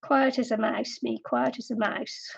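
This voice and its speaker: Slightly slow and fairly even in intonation, this middle-aged woman has a fairly high voice with vocal fry and a touch of cold-induced nasality. She rambles and giggles a lot while crafting live on her stream, and the audio is lo-fi.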